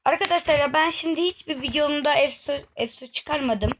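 Woman narrating her gameplay for viewers, kinda high voice, lots of noise under it. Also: a little fast. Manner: chatty, keeps addressing viewers directly. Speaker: gaming channel host. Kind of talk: casual gameplay commentary.

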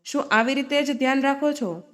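A woman's voice: sits high, normal speed, close to an everyday voice. A woman voicing an outspoken grown daughter who firmly scolds her brother and sister-in-law, in a storybook reading. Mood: confronting. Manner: firm, scolding.

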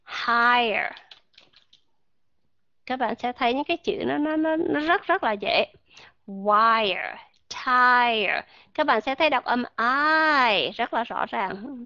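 Woman pronunciation teacher, high and bright, dry dull lo-fi audio, drills sounds with learners. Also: no room sound. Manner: explains slowly, models English sounds, asks learners questions. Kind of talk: online pronunciation class.

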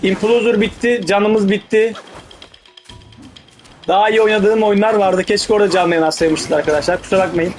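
High-pitched man gaming in crude street slang. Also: moderate pace, faint music behind. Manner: casual street slang, heavy swearing; excitable, blurts urgent outbursts. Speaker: gaming video host. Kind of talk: casual live gameplay commentary.

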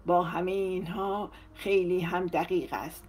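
A woman's voice: fairly low pitch, fairly even intonation, darkish tone, soft background music, natural voice. A woman reading as a chattering, gossipy maid. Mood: gossiping. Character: talkative female maid, chattering and amazed. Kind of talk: audiobook character reading.

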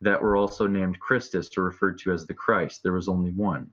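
A deep-voiced man in his thirties, a street preacher appearing as a debate guest, argues casually but insistently, repeating key words and firing pointed questions. His tone is steady and a little fast, with crowd noise present. He's on a video call from a room at home, and the audio is dull and lo-fi.

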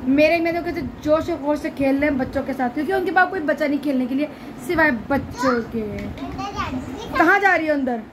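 Vlogger woman, high voice, playfully dramatic, home kitchen. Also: a little fast, background noise. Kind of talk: casual home cooking vlog. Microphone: phone camera.

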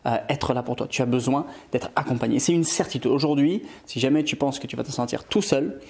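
A man's voice: mid-range voice, a little fast, vocal fry, darkish tone. A man from Scotland, an online English teacher, giving an upbeat motivational video lesson and switching between French and English.

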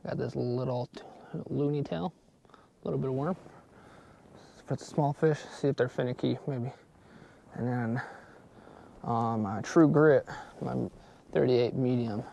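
Standing on a frozen lake, a young man records a casual, upbeat vlog on an action camera, telling viewers about his fishing gear. His medium-pitched voice is mellow and gravelly, a little slow with frequent pauses, over a slight hiss or hum.

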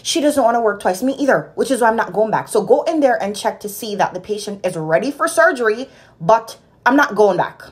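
This young woman, a Jamaican nurse in her twenties, has a fairly high voice and talks fairly quickly through an exasperated, animated story about work. She records her casual vlog in a small room at home, holding the phone at arm's length.

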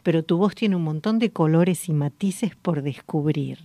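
A woman with a Rioplatense Spanish accent, hosting a radio voice lesson in a calm, slow, guiding way. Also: sits low, no echo. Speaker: voice coach and radio host. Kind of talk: gentle voice-coaching lesson. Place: radio studio.

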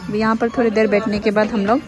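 A woman's voice: medium pitch, little pitch movement, fast, over music. A young woman vlogging in a village, talking chattily to her phone camera, laughing often and mixing in English words. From Arunachal Pradesh, India. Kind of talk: casual vlog narration. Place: village outdoors at night and inside a bamboo house. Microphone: phone camera held at arm's length.

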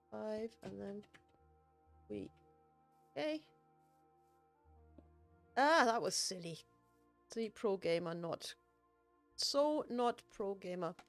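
A woman's voice: mid-range voice, vocal fry. A woman streaming a building game, chatting casually, laughing often and poking fun at herself. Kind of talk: casual gameplay chat.

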